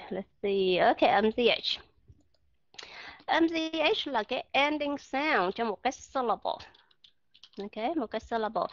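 Higher-voiced woman teaching pronunciation. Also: no room sound, muffled recording. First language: Vietnamese. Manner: explains slowly, many fillers, checks students understand. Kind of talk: online pronunciation lesson.

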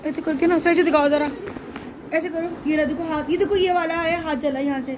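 Vlogger woman, high voice, playfully dramatic, home kitchen. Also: steady tone, brisk, noisy background. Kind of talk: casual home cooking vlog. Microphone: phone camera.

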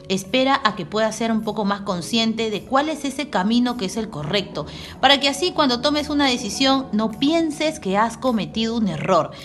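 A woman gives a daily tarot reading in a gentle, advising voice, slowing down to repeat her key warnings. Her pitch sits in a middle range. Faint background music plays beneath her. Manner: soothing, advising, repeats key phrases slowly. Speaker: tarot reader.

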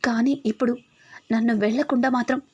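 A woman voicing a hurt young man who pleads slowly to be allowed to go. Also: on the high side, steady tone, husky. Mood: pleading.

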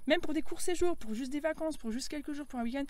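A woman from France chatting as an interview guest, lively and full of fillers. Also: high-pitched, fast. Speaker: guest, language learner. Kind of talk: casual interview chat.

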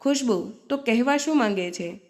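A woman's voice: on the high side, animated, a little fast. A woman voicing a grown son who speaks curtly and accusingly to his mother and sister, in a storybook reading. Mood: harsh. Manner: curt, accusing. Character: harsh, disrespectful grown son.

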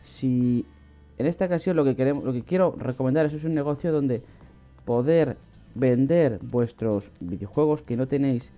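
A man's voice: medium pitch, normal speed. Man explaining a website, lo-fi. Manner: casual explainer with frequent fillers and restarts. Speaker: online money-making channel host. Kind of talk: screen-recorded website walkthrough. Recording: slightly dull lo-fi audio with faint music.

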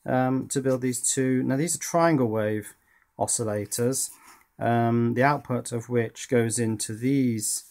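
With a medium-pitched, slightly mellow voice at a measured pace, the man talks casually through an electronics build at his indoor workbench. As host of the project video, he thinks aloud, occasionally hesitating.

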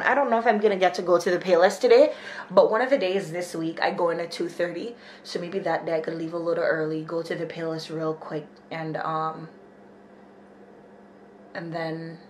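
A woman in her twenties, from Jamaica, chatting casually while vlogging at home, rambling and thinking aloud with lots of fillers. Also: lowish voice. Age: 20s. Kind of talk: casual daily vlog chat. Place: small home kitchen and spare room indoors.

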